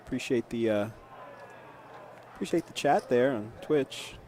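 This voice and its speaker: A man commentates a poker game on a live stream. He is low-key and a little hesitant, giving the action in short, clipped phrases with a mid-range, conversational voice. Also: expressive, a little slow, dark tone, slight background noise.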